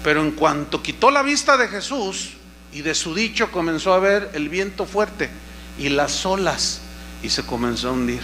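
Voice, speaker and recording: A man preaching a sermon, animated and questioning the congregation, acting out the voices he quotes. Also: fairly high pitch, normal speed, a little hiss or hum. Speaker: pastor.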